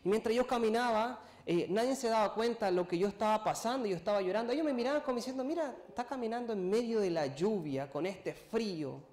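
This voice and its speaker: A man giving a sermon testimony, telling a personal story in a halting, emotional way and acting out what people said to him. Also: sits high, a little mellow. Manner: storytelling, acts out his own and others' words, emotional, halting. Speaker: preacher.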